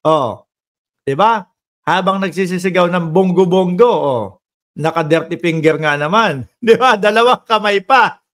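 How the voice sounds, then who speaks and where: A man giving casual, mocking political commentary, laughing often and jumping between loud chants and low asides. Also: measured pace.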